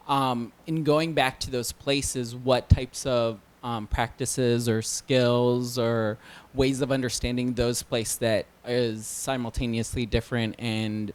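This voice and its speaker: A man from Detroit in the audience, voice pitched in the middle range. He takes his time and fills the gaps with ums and uhs. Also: clear, resonant tone. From Detroit, United States. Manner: hesitant, many ums and uhs. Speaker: audience member asking a question. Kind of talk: question from the floor at a reading.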